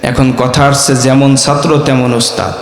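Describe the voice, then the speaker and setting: A man's voice: medium pitch, level tone, moderate pace. A man preaching a sermon, firing rhetorical questions at the crowd and slipping into sing-song lines. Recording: echoey hall with long reverb.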